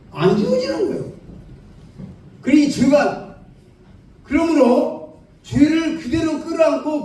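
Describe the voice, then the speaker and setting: In a very echoey church hall, caught on a distant mic with faint noise, a lay preacher with a very high, slightly mellow voice gives an evangelistic sermon. He speaks plainly and repeatedly asks his listeners questions.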